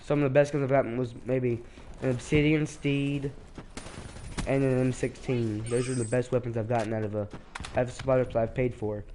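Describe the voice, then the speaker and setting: Playing a shooter on stream, this sick, congested teenage boy rambles hesitantly through casual commentary, often restarting his sentences. His mid-range voice is warm and stuffy, with little pitch movement, at a normal speed over slight background noise.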